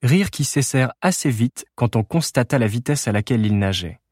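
A man narrating a literary audiobook in a measured, unhurried reading. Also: mid-range voice, lively intonation, darkish tone, no echo, studio quality.

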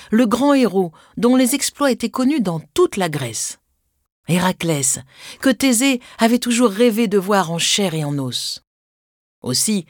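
A woman narrating a children's storybook in an expressive, scripted way, lifting her voice on dramatic words. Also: fairly low pitch, no room sound, studio quality.

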